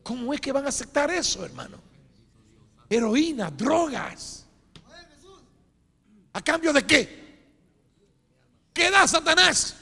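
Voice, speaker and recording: High gravelly preacher guy, slow and bright, shouting then low, big reverby hall. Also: very animated. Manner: fiery, swings between low asides and shouted cries; calls listeners "hermano" again and again. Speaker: pastor. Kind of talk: preaching a sermon.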